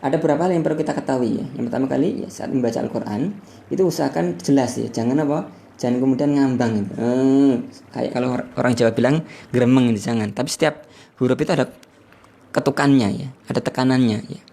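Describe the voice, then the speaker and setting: Male Quran teacher, mid-pitched and gravelly, chatty "ya" tags, slow chanted demonstrations. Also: warm tone. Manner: tags sentences with "ya", sings out verses slowly to demonstrate. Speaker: religious teacher. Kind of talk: Quran recitation lesson. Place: livestreamed study session.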